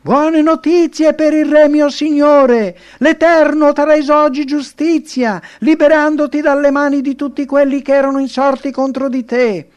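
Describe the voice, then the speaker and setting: A man doing a shouting young messenger. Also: little pitch movement, normal speed, few pauses, smooth, dull audio, lightly acted. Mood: urgent. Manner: shouting, high and strained. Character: breathless young male messenger bringing grim news.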